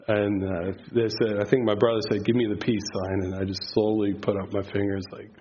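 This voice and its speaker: This man's first language is Pennsylvania Dutch, and he gives a casual, rambling faith testimony to an audience, packing it with filler words. His voice sits on the low side, mellow and flat, moving briskly. The lo-fi recording is slightly dull, with a little background noise.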